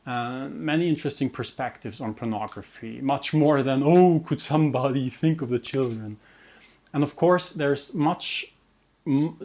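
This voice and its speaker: An Austrian man with a mid-range, slightly mellow voice introduces his video series to camera from a script. He's a host and researcher whose first language is German, and his Austrian German accent comes through as he speaks earnestly and self-deprecatingly, restarting often.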